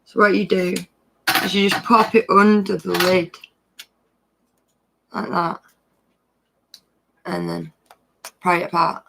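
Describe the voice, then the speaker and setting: This casual, friendly live-stream tutorial rambles along with small self-corrections while offering practical tips. The voice is crisp and bright with a gravelly fry beneath it, and the pitch stays level and flat. Delivery is slow with long pauses, and the poor audio carries a little hiss or hum.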